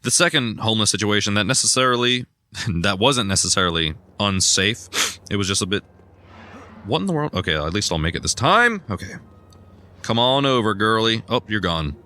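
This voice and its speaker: A young man casually narrating a video game, rambling through a personal story with sudden loud outbursts. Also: fairly low pitch, normal speed. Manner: rambling, chatty storytelling with bursts of loud excitement. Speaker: gaming streamer. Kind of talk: casual let's play commentary.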